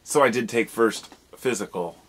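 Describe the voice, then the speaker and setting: Here a man with a fairly low, breathy voice talks at a normal pace as a video blogger. It's a loose, rambling, openly profane monologue in which he muses and keeps interrogating himself.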